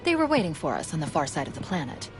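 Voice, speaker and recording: A woman playing a cool, witty shipboard artificial intelligence in a video game, crisp and knowing. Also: deep voice, huge pitch swings, fast talker, music in the background. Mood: composed, knowing. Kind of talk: video game cinematic dialogue.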